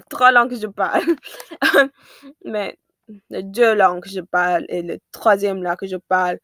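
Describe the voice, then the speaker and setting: A seventeen-year-old American vlogger, a native English speaker with an American accent, chats casually with viewers in a second language, hesitating and correcting herself as she looks for words. Her mid-range voice is a bit bright and fairly even in intonation, and she speaks a little slowly. The recording is clean studio sound with no room echo.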